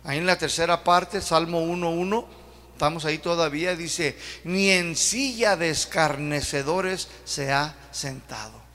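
A man with a Mexican accent preaching a sermon as pastor, in a folksy, drawn-out way with rhetorical questions to the congregation. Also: on the high side, sharp tone. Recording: long reverb of a church hall.

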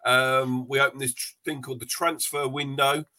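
A man's voice: mid-range voice, little pitch movement, normal speed, pushed and bright. A man hosting a panel podcast in a casual, chummy, matey way. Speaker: podcast host.

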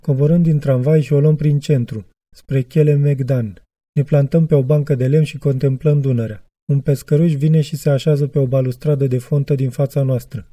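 A man reading a literary audiobook in a measured, reflective way. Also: medium pitch, steady tone, warm tone, no echo. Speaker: audiobook reader.

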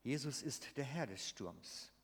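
Preacher in a reverberant church hall. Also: male voice, mid-range voice, expressive, a little slow, creaky, breathy edge. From Switzerland. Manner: emphatic, asks the congregation questions. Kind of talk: sermon.

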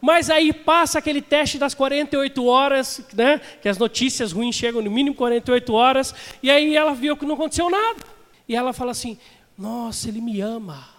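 A man's voice: very high voice, fast, fairly bright tone. A man preaching a sermon as a pastor, chatting with his congregation and asking them questions. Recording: long hall reverb.

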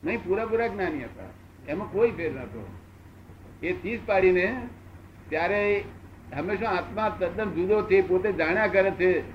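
A man in his seventies answering questions as a spiritual teacher, unhurried and repeating phrases for emphasis. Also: sits high, lo-fi sound, a little hiss or hum. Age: 70s.

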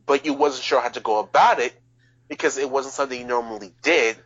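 Calm guy explaining stuff slowly in a chat, mid pitch, muffled lo-fi sound. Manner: calm, measured, explains things step by step. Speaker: music reaction co-host. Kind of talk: casual reaction chat. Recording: dull lo-fi sound.

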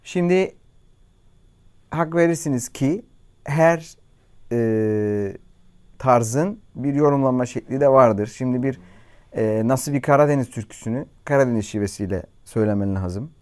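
A man's voice: medium pitch, unhurried, a little mellow, clean tone. A man in his thirties with a Cypriot Turkish accent, a singer answering interview questions in an earnest, reflective way with hesitant fillers. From Cyprus. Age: 30s. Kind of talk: casual chat. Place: studio.

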